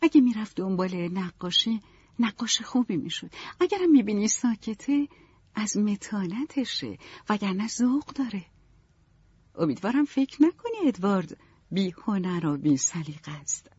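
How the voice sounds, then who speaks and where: A woman voicing a calm, sensible young woman in a storybook reading, speaking in a measured, reassuring way. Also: mid-range voice, slightly rough, no echo, voice pushed up. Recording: dull, dry, lo-fi.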